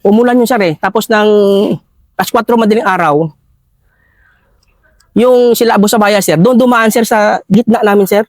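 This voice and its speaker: Soldier guest, high-pitched and dry, respectful, peppers every line with "sir". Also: male voice, normal speed, long pauses, dry recording. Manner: deferential, says "sir" after nearly every phrase. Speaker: soldier recounting a rescue operation. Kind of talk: military war story interview.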